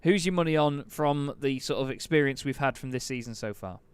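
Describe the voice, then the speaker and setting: A man's voice: mid-range voice, a little fast, clear, resonant tone, no room sound. A man giving live sim racing commentary in a motorsport commentator's delivery, as the lead caller. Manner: motorsport commentator delivery, rising to excited calls.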